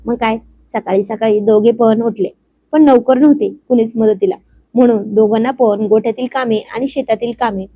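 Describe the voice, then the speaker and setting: A woman narrating a romantic serial story in a steady, linking storytelling manner. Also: on the high side, moderate pace, slightly rough, no echo, lo-fi sound.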